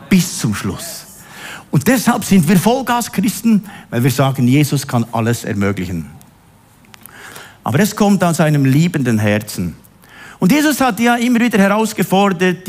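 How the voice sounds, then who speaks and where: A man preaching a sermon, telling stories and stretching words for emphasis. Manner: animated, swings high on emphasis, drawn-out stresses. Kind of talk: sermon with storytelling.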